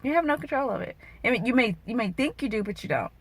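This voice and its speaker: A woman's voice: a little high, expressive, fast, breathy edge, no echo. A woman in her thirties, an emotional vlogger and bikini competitor, venting earnestly and turning preachy and motivational, her voice wavering at times.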